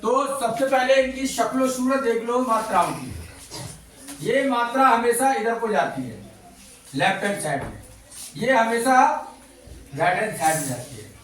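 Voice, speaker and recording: A man's voice: extremely high pitch, lively intonation, unhurried, fairly bright tone, far from the mic. Male teacher quizzing a class, echoey. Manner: quizzes the class, repeats answers back. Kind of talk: classroom lesson.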